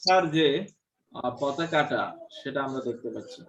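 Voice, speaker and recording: A man teaching an online English class. He mixes English teaching phrases into Bengali, puts the class direct questions, and pauses often on 'ah'. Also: medium pitch, expressive, distant mic, muffled recording, over a noisy crowd. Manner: drawn-out, hesitant delivery with frequent 'ah' pauses.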